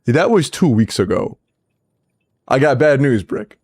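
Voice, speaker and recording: A man's voice: medium pitch, sing-song, a little slow, a little mellow, slightly rough. A man in his twenties, casually chatting on a livestream, playfully bantering with chat and laughing often. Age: 20s. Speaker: streamer. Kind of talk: casual livestream chat reviewing game accounts.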